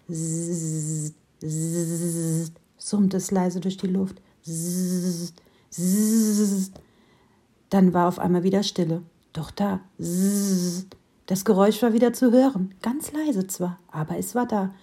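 Casting: woman storyteller, husky and mellow, reading a bedtime tale calmly. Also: mid-range voice. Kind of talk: children's Advent story reading.

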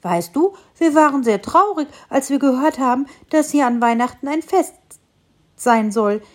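A woman's voice: high voice, lively intonation, moderate pace, voice pushed up. A woman voicing a small sparrow in a children's story, explaining eagerly in a raised voice. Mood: earnest. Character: small chirpy sparrow, earnest.

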